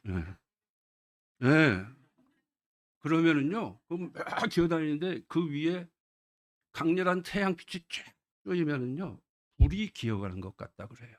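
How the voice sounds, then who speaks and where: High-voiced pastor preaching a sermon. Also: male voice, fairly bright tone. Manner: asks the congregation questions and answers them himself; quotes scripture in a raised, slowed voice. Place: church.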